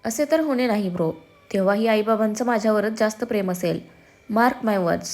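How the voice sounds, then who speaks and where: A woman voicing a determined, ambitious young man who speaks firmly and teases his twin brother with calm confidence. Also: mid-range voice, normal speed, natural voice. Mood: confident. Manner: firm, self-assured, gently teasing.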